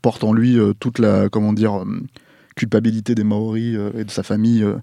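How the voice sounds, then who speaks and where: Low voiced guy rambling about a movie, lots of euhs, dry sound. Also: little pitch movement, creaky, mellow, no echo. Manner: rambling, halting, self-correcting. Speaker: panelist. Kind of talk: casual film recommendation chat.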